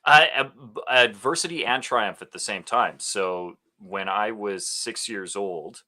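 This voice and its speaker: Here the Albertan actor and speaker sounds fairly low-pitched and a little slow. As a guest on a podcast, he recounts his story in a casual, animated way, laughing in bursts and performing the quotes.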